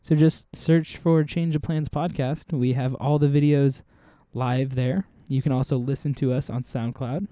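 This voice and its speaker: Dark-voiced joking podcast host. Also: male voice, mid-range voice, steady tone, measured pace, hardly any pauses, no echo. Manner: joking, laughs often. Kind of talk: casual chat. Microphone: desk microphone.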